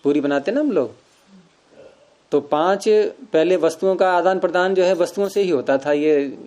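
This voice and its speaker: Guy teaching sanskrit grammar, voice a bit on the high side, patient, chatty examples. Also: moderate pace, darkish tone. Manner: patient, explains with everyday examples and asides. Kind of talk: informal classroom explanation.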